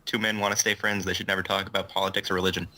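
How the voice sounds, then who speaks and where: A man's voice: low-pitched, level tone, racing, bright, forceful tone. A man from California on a casual podcast call, making dry, brief, matter-of-fact remarks. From California, United States. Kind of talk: casual group chat on a call. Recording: noisy line with clicks.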